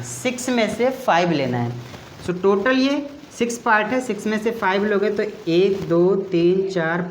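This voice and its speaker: A man explains a maths lesson step by step, often pausing on "ok" and going back over each point. He speaks casually and directly to his students. The room is echoey, with a faint hum of ambient noise behind him. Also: sits high. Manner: explains patiently, repeats points, keeps checking with "ok". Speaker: maths teacher.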